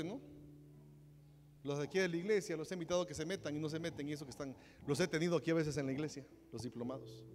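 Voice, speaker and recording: High-voiced Mexican pastor preaching in a hall. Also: male voice. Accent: Mexican Spanish. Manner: animated preaching, acting out quoted voices. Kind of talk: sermon. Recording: long hall reverb with faint music.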